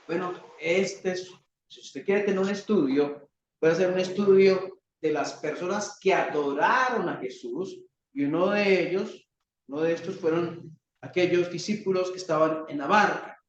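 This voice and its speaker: Colombian male preacher, high slow voice, dramatic rhetorical sermon, echoey dull church recording. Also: far from the mic, slight background noise. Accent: Colombian Spanish. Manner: dramatic, rhetorical questions, acts out cries.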